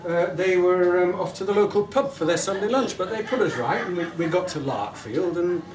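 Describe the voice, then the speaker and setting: In an echoey room picked up by a distant mic, a middle-aged man with a high, brisk voice gives an informal, affectionate father of the bride speech at a wedding reception. He rambles and hesitates while audience noise fills the space and guests murmur and laugh in the background.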